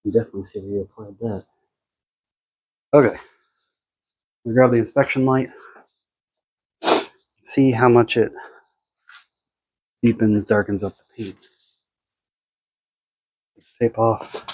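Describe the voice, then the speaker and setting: An American man giving a casual, unscripted product demonstration in a low-key way, thinking aloud as he works. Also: steady tone, slow, long pauses, darkish tone, husky, dry recording, low-quality recording. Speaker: car care product reviewer.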